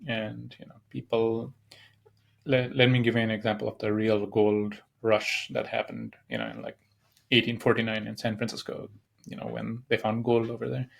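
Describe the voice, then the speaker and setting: Young male podcast host from Nepal, low gravelly voice, loose and rambling, lots of "like, you know". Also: lively intonation, normal speed. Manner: rambling, many fillers and restarts. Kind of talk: casual solo podcast talk.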